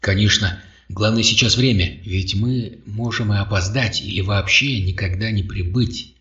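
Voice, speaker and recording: A man's voice: on the low side, moderate pace, pushed and bright. A man reading an audiobook voices a determined young male hero who speaks firmly and resolutely. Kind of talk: audiobook character voice. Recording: dull roomy audio, distant mic.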